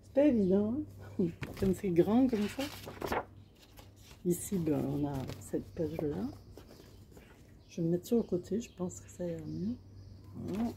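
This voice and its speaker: A woman's voice: lowish voice, animated, measured pace, vocal fry, long pauses, background noise. A woman showing off her craft purchases outdoors in the sun, chatting casually to her phone camera with lots of fillers and hesitations. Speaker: crafting vlogger. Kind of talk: casual show-and-tell haul. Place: outdoors in sunshine.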